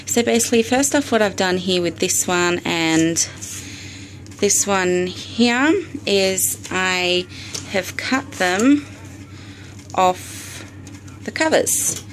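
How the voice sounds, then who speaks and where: A woman's voice: fairly low pitch, slow pace, long pauses, slight background noise. Australian woman recorded on a phone video. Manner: chatty, explains step by step with frequent ums. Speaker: vlogger. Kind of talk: casual DIY tutorial. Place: bedroom at night. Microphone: phone camera.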